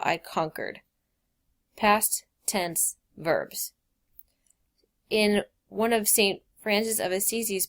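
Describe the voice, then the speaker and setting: A woman teacher explaining grammar in a recorded lesson, reading out quoted examples with emphasis. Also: medium pitch.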